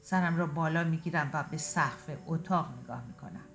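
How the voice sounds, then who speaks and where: A woman reading a short first-person story aloud in a quiet, reflective, tender way. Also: low voice, soft background music.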